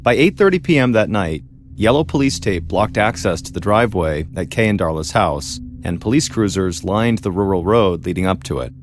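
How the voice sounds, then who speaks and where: A man hosting a podcast, telling a true crime story in a measured, dramatic way with pauses. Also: low voice, animated. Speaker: podcast host and narrator.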